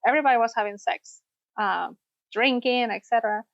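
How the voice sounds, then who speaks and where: Higher female voice from Costa Rica, therapist guest, dry muffled podcast sound. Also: fairly quick, vocal fry, no room sound. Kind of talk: podcast interview. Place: studio, in person.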